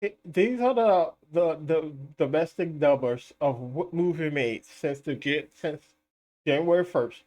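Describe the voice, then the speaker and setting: This is a live streamer talking through box office figures in an argumentative, insistent way. They keep repeating their points and throw rhetorical questions at doubters, and they sometimes laugh at the doubters while they do it. The voice sits at an ordinary middle pitch. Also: expressive, measured pace, a little mellow. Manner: mocking, laughs at critics.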